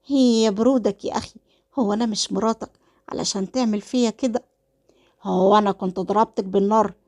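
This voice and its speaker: A woman voicing a scheming young wife with an Egyptian accent, sharp and indignant. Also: mid-range voice, steady tone, fairly quick, close to an everyday voice. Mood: angry. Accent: Egyptian Arabic.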